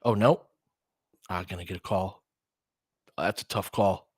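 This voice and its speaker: This low, husky male voice keeps a fairly even intonation at a normal speed, captured in clean studio sound with no room sound. He's an American host doing play-by-play for a fan stream, chatting and analyzing live basketball, often in clipped bursts.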